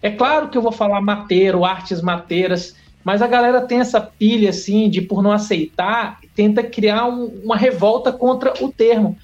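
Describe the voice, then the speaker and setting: A Brazilian biologist, a man, talking as a podcast guest in an animated, slangy, emphatic way. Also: high voice, normal speed, few pauses. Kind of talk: casual podcast chat. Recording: dull lo-fi audio with faint music.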